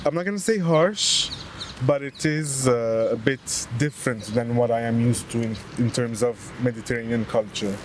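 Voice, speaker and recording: A thoughtful man in his thirties from Lebanon speaks as an interview guest, pausing often and choosing his words with care. His middle-pitched voice is recorded outside on a bench by the water, with clear traffic noise and passing vehicles around him. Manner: reflective, hesitant with fillers, earnest. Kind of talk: casual interview conversation. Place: outdoor public bench by the water. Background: street traffic.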